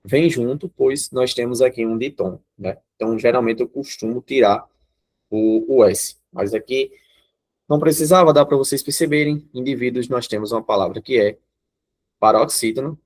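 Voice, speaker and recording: In an online grammar class, a man with a Brazilian accent explains the material step by step, pausing often to check on his students. He talks at a normal speed with a medium-pitched voice.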